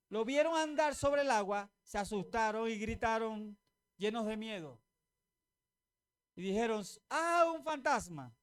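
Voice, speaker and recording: A woman pastor delivering a sermon in a smooth, resonant voice. She keeps the congregation involved, having them repeat phrases back and throwing out questions for them to answer. She makes her points with everyday examples and a teasing humor. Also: fairly high pitch. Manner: calls on congregation to repeat, asks rhetorical questions.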